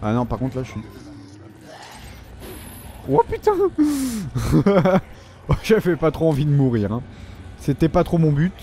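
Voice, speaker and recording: A young man giving joking, foul-mouthed commentary while playing a video game, often shouting at enemies. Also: a little high, big pitch swings, a little slow. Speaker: gaming video host. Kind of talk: casual let's-play commentary.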